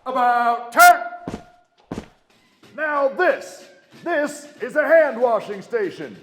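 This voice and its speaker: An actor playing a strict male army drill sergeant who shouts commands at recruits. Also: very high-pitched, expressive, a little hiss or hum, exaggerated voice. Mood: commanding. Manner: shouted military commands, drawn-out emphatic delivery. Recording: long reverb with music underneath.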